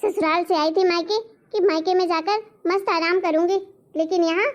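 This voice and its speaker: A very high, shrill young daughter, as a woman acts her out, spoiled, lazy and defiant, arguing back at her family in a cartoon story. The sound is dull and lo-fi. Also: fairly even intonation, normal speed. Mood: indignant. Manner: indignant, argumentative. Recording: dull lo-fi recording.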